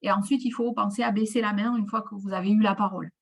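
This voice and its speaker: A woman giving step-by-step instructions for a video-call platform, often pausing with fillers and restarting her sentences. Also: medium pitch, fairly even intonation, gravelly, husky. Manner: hesitant, many fillers and restarts. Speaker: webinar presenter. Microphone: video call microphone.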